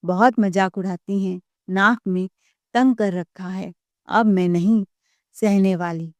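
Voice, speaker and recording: A woman voicing a put-upon newly married young wife who speaks with quiet restraint. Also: mid-range voice, steady tone, takes it slowly, no room sound, close to an everyday voice. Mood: resentful.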